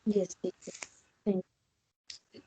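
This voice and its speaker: A woman's voice: slow pace, warm tone, poor audio. A woman student in a class who gives short, hesitant replies and questions.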